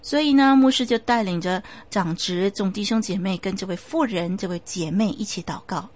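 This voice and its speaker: Woman preaching a measured sermon. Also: medium pitch, a little mellow. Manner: measured, emphatic, with fillers. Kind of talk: sermon with storytelling.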